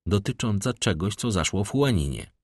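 A man's voice: lowish voice, very animated, moderate pace, husky, no echo, studio quality, full character voice. A man voicing a proud, indignant young count in an audiobook, speaking stiffly and insistently. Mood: earnest. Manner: stiff, demanding, heated. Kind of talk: audiobook character voice.

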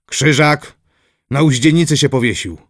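A man's voice: mid-range voice, moderate pace, fairly bright tone, no echo, studio quality, natural voice. A man voicing a bold, fearless male squire who speaks bluntly, in an audiobook reading. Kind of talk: audiobook character voice.

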